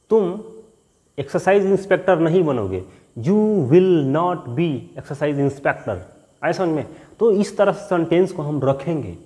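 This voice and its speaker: A man teaching an English grammar lesson, explaining patiently, dictating example sentences slowly and often checking that students understand. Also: high-pitched, darkish tone, in a large hall. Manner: checks understanding with repeated questions.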